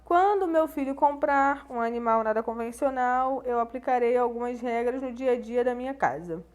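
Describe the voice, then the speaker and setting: A woman's voice: fairly high pitch, normal speed, smooth. A woman teacher giving a recorded grammar lesson, patiently explaining step by step to her students.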